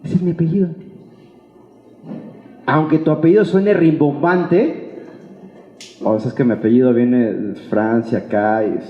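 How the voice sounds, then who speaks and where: His voice is medium-pitched and steady, moving at a measured pace with long pauses. He is a pastor with a Mexican Spanish accent, preaching an informal sermon to his congregation in a colloquial, playful way, acting out imagined remarks and asking rhetorical questions. The reverberant church hall gives a dull, echoey sound with long reverb.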